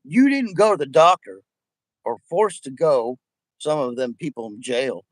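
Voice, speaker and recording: Agitated man ranting with wide pitch swings. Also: lively intonation, a little slow, no room sound, rough recording. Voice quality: missing front teeth. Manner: rambling, agitated, emphatic, repetitive. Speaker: vlogger addressing viewers. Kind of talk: casual, profanity-laden rant.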